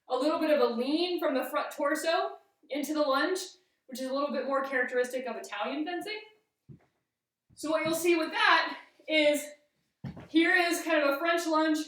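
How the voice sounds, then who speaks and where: A woman's voice: high-pitched, a bit bright. A woman teaching fencing as an instructor, explaining a demonstration step by step and often checking in with a short "okay?". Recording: very echoey room, distant microphone.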